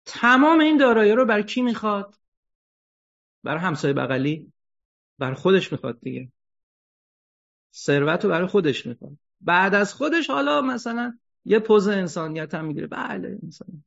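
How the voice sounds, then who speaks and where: A man delivers an ethics lecture, his voice sitting a bit high. He keeps it lively, firing rhetorical questions and slipping in dry jokes. The recording sounds dull and lo-fi. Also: creaky, long pauses. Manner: animated, rhetorical questions, wry humor. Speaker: religious lecturer.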